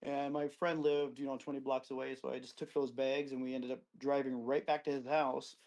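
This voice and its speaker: A man's voice: little pitch movement, brisk, darkish tone, rough recording. A middle-aged man from Wisconsin, a cactus grower guesting on an interview, telling long rambling stories about his life. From Wisconsin, USA. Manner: rambling, anecdotal, acts out quoted friends with livelier pitch. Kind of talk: relaxed storytelling in an interview. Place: outdoor desert garden.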